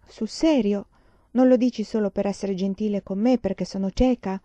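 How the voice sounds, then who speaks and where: Mary, a woman reading a gentle pious blind girl. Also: medium pitch, fairly even intonation, moderate pace, dry recording, muffled recording, close to an everyday voice.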